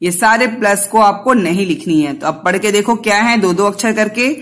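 A woman's voice: medium pitch, moderate pace, faint music behind. A woman teacher giving a Hindi lesson to young children, patiently spelling out letters and answering her own questions. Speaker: kindergarten teacher.

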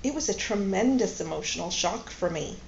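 A woman's voice: medium pitch, expressive, brisk, creaky, a little hiss or hum. A woman reading a novel aloud, voicing a restrained, grieving woman character in an echoey, slightly dull recording. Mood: restrained, sorrowful. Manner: quiet, restrained, tearful at times. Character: grieving, composed woman in her thirties. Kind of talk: audiobook-style read-aloud dialogue.

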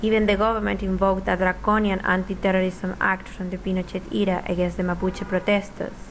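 A woman reads documentary narration in an even, informative way. A faint hiss sits under the recording. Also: mid-range voice, brisk, low-quality recording. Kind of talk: documentary voice-over.

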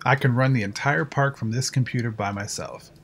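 A voice actor with a husky, medium-pitched male voice plays a blunt, confident park engineer in a fan audio drama. He explains the control room in a brisk, matter-of-fact way, cursing a little.

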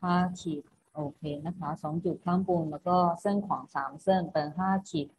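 A woman's voice: lowish voice, fairly even intonation, moderate pace, a little mellow. A woman teacher giving an online class, patiently repeating each instruction. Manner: patient, repeats herself with a polite particle at each phrase end. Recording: muffled recording with faint noise.

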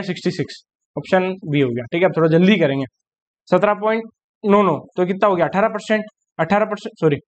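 A man's voice: high-pitched, highs cut off. A man teaching an exam-prep math lesson, working sums aloud and often checking whether students follow. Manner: quick mental arithmetic aloud, frequent checking questions. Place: online class recording.

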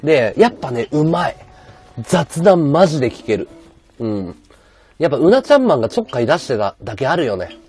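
A man livestreaming with a high-pitched voice and a sore throat, chatting bluntly and casually while reading viewer comments. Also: big pitch swings, fairly quick, a little mellow. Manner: rough, blunt casual speech.

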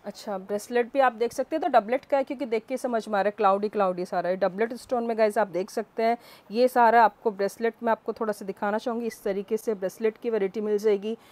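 A woman's voice: on the high side, fairly even intonation, quick pace, few pauses, a little mellow. A woman with a Delhi Hindi accent hosting a market vlog, talking enthusiastically to her viewers and exclaiming often over the pieces she shows. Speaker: vlog host.

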